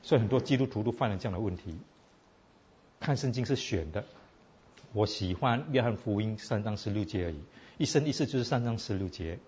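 Lively code-switching male preacher. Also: lowish voice, a little fast, muffled recording, slight background noise. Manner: animated, asks the audience "all right?" often. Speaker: preacher teaching a Bible class. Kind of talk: casual sermon mixing Chinese and English.

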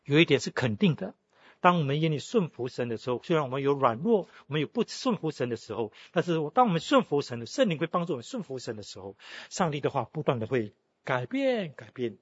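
Husky-voiced male preacher, lively delivery. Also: on the high side, quick pace, dry recording, dull audio. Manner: animated storyteller with frequent exclamations. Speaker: pastor. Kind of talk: sermon with storytelling.

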